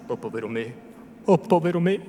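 A man reading aloud and voicing a timid, fretful old male village priest who scolds in anxious, hushed tones. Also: a little high, lively intonation, a little fast, close to an everyday voice. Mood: hushed scolding. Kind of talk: theatrical literary reading. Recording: reverberant hall, faint room noise.

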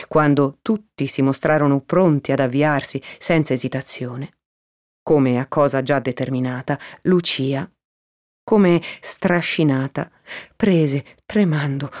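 A woman reads a classic novel aloud in a measured, dramatic style. Her voice sits fairly low for a woman. She slows and hushes her delivery to build tension. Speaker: narrator.

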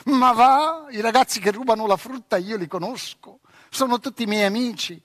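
A man's voice: high-pitched, big pitch swings, moderate pace, fairly bright tone, dry recording, studio quality, big-room sound, heavily acted. A man reading aloud voices a haughty young noble girl who teases and bosses. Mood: mocking. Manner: teasing, imperious.

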